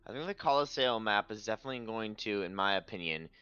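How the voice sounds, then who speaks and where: Bright, crisp male esports caster. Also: fairly low pitch, animated, fast talker, no echo, muffled recording. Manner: fluent, builds energy when calling the picks. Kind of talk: live esports commentary.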